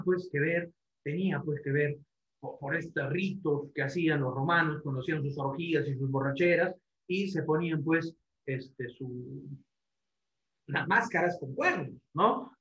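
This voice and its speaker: Male teacher, slightly high voice, lecturing a class; repeats himself, rhetorical tags, lots of fillers; roomy, muffled lo-fi recording. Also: a little slow, a bit bright. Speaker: literature teacher. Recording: echoey classroom, dull lo-fi sound.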